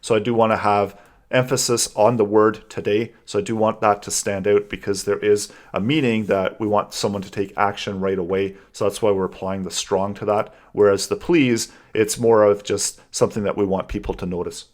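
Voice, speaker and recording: A man teaching a web coding tutorial, calmly and methodically explaining each step as he types code. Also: on the low side, normal speed. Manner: calm, methodical explaining while typing code. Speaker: coding instructor. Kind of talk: screen-recorded coding tutorial.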